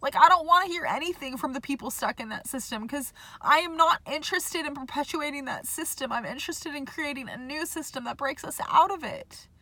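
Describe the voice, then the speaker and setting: A woman's voice: high-pitched, lively intonation, a little fast, few pauses, sharp tone, no room sound. A young woman talking in a casual personal vlog, speaking passionately and saying "like" a lot, from a parking lot. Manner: impassioned, heavy use of "like". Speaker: vlogger.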